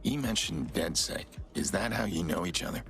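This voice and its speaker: An actor playing a grizzled, weary middle-aged vigilante in a video game, with a low gravelly growl and a terse, dry, guarded manner. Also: male voice, animated, moderate pace, fairly bright tone, exaggerated voice.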